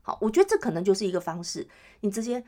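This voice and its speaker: A woman's voice: medium pitch, very animated, very fast, warm tone. A woman host, chatting on her own podcast and often checking in with listeners. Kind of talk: casual solo chat.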